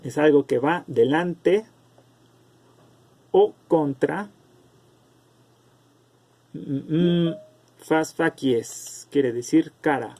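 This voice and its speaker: Male teacher for an online lesson, gravelly and dark-toned, slow delivery, calls on students by name over a video call. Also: a little high. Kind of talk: online class lecture.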